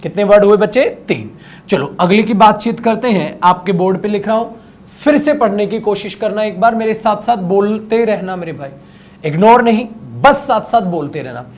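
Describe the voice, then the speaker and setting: A male teacher giving an online vocabulary lesson, coaxing students to read along, repeating words and slowing down for English phrases. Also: high voice, darkish tone. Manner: slows right down when speaking English phrases.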